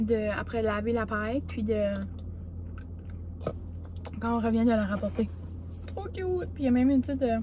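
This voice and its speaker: A young woman with a Québécois accent talks casually to her camera in a rambling way, full of filler words. Her voice sits fairly high, with a mellow, warm tone. A faint hiss of background noise sits under her speech. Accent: Québécois French. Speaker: vlogger. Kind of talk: casual vlog chat. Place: café, then home.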